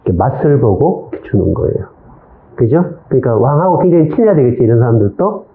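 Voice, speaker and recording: Animated man teaching a Bible lecture. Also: mid-range voice, fast. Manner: storytelling, mixes simple English words into his speech, acts out short quotes. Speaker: pastor teaching a Bible overview. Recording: echoey, phone-like lo-fi lecture recording.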